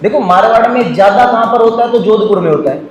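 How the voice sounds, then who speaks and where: A man teaching a class in a lively, joking way, firing questions at the students and answering them himself. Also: sits high, fast, reverberant, a little hiss or hum, poor audio.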